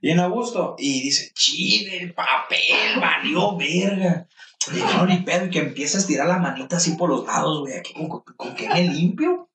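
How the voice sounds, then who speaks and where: A man's voice: a little high, big pitch swings, a little fast, few pauses. Mexican man telling crude jokes. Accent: Mexican Spanish. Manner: crude slangy storytelling, laughs often. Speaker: podcast co-host. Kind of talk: casual joking chat with friends. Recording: echoey room, distant mic, faint noise.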